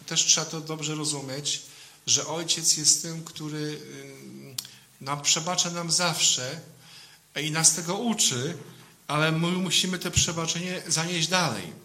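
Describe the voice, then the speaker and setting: A man's voice: a little high, fairly even intonation, unhurried, creaky, bright, forceful tone. A man, a priest, giving an informal sermon in a conversational way, often adding a questioning tag to his sentences.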